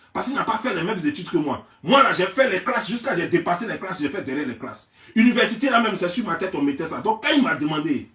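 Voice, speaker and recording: A young man from Côte d'Ivoire with an Ivorian French accent, ranting in a theatrical, mocking gossip vlog and often raising his voice to a shout. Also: high-pitched. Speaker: gossip vlogger. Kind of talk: mocking gossip rant to camera. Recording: roomy, mic at a distance.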